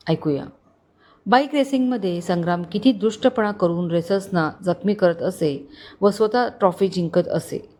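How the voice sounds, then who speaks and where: A woman storyteller narrating a dramatic family story, expressive and vivid. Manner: expressive, voices characters with rising pitch in tense moments.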